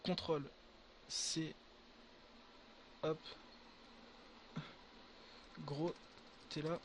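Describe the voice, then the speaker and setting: A young man giving casual gameplay commentary to his viewers, excitable and full of crude slang. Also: a little high, extremely slow, a little hiss or hum. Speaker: gaming video creator.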